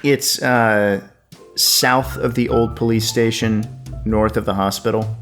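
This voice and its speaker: A man running a tabletop game as game master, improvising narration in a hesitant, halting way. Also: lowish voice, fairly even intonation. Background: soft guitar music.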